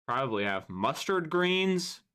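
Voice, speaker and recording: A man's voice: fairly high pitch, very animated, measured pace, bright, forceful tone, clear, resonant tone. A young man livestreaming, ranting casually and profanely as he rates a list.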